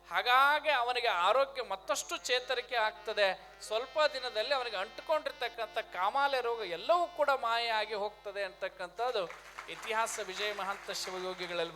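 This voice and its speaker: A man's voice: very high voice, sharp tone. A man with a North Karnataka Kannada accent preaching an emphatic storytelling sermon, repeating phrases for stress. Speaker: religious preacher.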